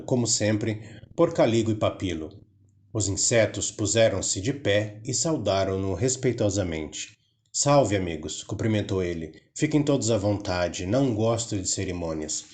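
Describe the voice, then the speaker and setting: A man with a Brazilian Portuguese accent reading a children's storybook aloud, calm and even, with mild voices for the characters. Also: on the low side. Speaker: audiobook narrator.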